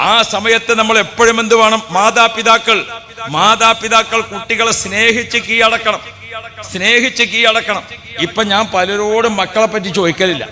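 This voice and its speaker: High bright-voiced preacher in a hall. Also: male voice. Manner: animated storytelling with rhetorical questions and acted quotes. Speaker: Islamic preacher. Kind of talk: sermon.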